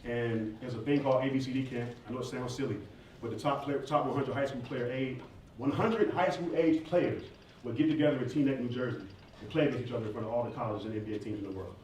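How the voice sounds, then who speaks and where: This is a quick-paced, medium-pitched man from the American South who plays to an audience, answering their questions with informal, joking, animated tales. The audio carries room echo, distant miking, and background noise from the indoor event space.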